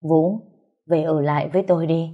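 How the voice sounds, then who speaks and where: A woman's voice: deep voice, fairly even intonation, a little fast, mellow, highs cut off. A woman voicing an old grandfather who speaks in an earnest, pleading way.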